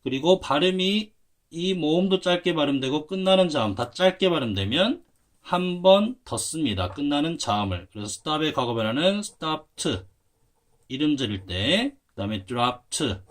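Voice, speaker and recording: Lively, high-pitched man teaching grammar. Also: unhurried. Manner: patient, spells words out letter by letter. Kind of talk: explaining at a whiteboard.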